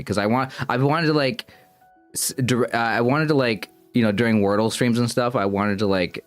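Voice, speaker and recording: A man's voice: lowish voice, dry recording. A young man streaming and chatting casually with his viewers, rambling and self-conscious, often stumbling and restarting his sentences. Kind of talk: casual livestream chat with viewers.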